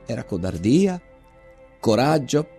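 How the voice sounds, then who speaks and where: A man giving an intense, measured dramatic reading of a literary text, repeating words for effect. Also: mid-range voice, very animated, vocal fry, mellow, faint music behind. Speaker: reader.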